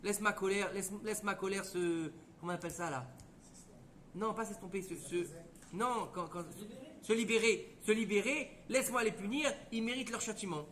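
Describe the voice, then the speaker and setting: A man voicing God as a stern, weary judge with low, flat retorts. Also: normal speed.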